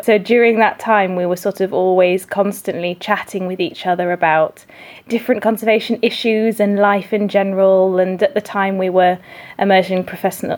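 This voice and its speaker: A woman's voice: lowish voice, darkish tone. A woman talking casually as an interview guest, often rephrasing as she goes. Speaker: podcaster and objects conservator guest.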